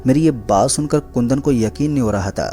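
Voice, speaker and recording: A man calmly narrating a scripted horror story in a measured way. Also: mid-range voice. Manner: calm, measured telling. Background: faint background music.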